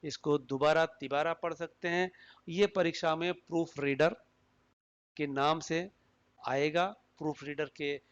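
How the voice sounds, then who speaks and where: A man giving a recorded lecture, explaining slowly and deliberately and reading examples aloud. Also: a little high, steady tone, lo-fi sound.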